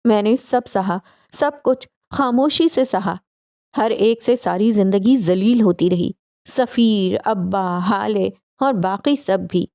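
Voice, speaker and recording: A woman voicing an enraged young woman who shouts and bites out her words at her mother. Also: medium pitch, dry recording, clean studio sound, close to an everyday voice. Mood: furious. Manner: shouting, then cold and biting.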